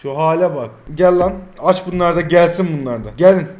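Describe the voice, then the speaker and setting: A man's voice: a little high, a little fast. A man in his twenties commenting casually while opening card packs in a mobile football game, pleading, groaning and cursing at his luck. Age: 20s. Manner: exasperated, pleading, swings between groans and shouts.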